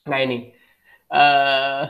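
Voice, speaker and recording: A man's voice: mid-range voice, monotone, extremely slow, creaky, highs cut off. A man chatting casually about a comic, hesitant with many fillers, laughing often. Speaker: podcast co-host discussing a manga chapter. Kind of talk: casual chat.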